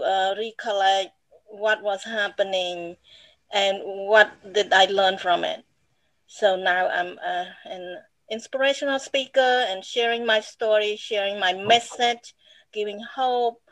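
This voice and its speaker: Older woman, interview guest, measured and reflective, mid-pitched, dry close recording. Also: steady tone, fairly bright tone, dry recording, low-quality recording. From Cambodia. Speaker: guest, author and inspirational speaker. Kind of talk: casual interview talk.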